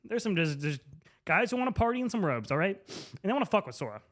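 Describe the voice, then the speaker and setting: High-voiced and fast, with big pitch swings and a bit of brightness, this presenter tells a story to the camera while drunk. His loose, slangy comedy leans on emphatic repetition of names and phrases.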